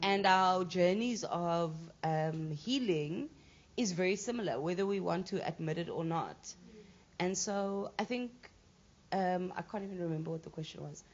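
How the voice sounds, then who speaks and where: A woman's voice: fairly low pitch, normal speed. Candid woman in her thirties, lo-fi. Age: 30s. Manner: candid, laughs after serious points. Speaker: panel guest artist. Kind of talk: panel discussion answer.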